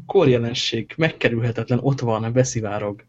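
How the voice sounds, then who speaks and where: A man trading jokes in casual tech banter, with a playful, mock-grand way of talking and the odd swear word for effect. His voice sits at a middling pitch. The recording is dull and lo-fi. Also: a little mellow, a little hiss or hum. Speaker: podcast co-host.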